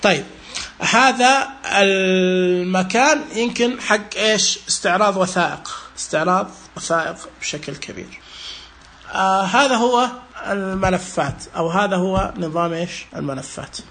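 A man presenting a casual tutorial walkthrough, thinking aloud in a halting, explanatory way. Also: sits high, pushed and bright, slight background noise. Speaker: presenter demonstrating a phone app with a screen reader.

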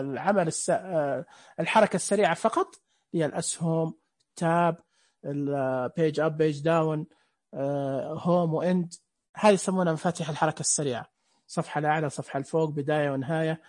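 A man teaching a screen reader class online, explaining each setting step by step and asking the listeners questions. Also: on the high side. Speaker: instructor. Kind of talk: screen reader software tutorial.

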